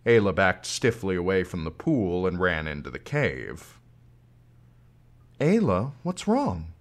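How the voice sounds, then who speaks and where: A man reading a novel aloud as audiobook narration, slow and expressive. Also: low-pitched. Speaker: audiobook reader.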